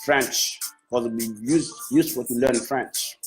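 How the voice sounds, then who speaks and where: A Swahili-native music manager praises an artist on a Facebook live, enthusiastic and repetitive, restarting his phrases. His medium-pitched voice is steady and unhurried, and the phone recording is rough.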